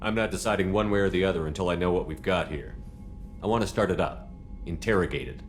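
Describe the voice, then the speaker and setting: An actor playing a decisive starship commander who speaks in a firm, measured, commanding way. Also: male voice, sits low, soft background music, lightly acted. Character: military starship commander, decisive human man. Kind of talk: video game cutscene acting. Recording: game audio with score.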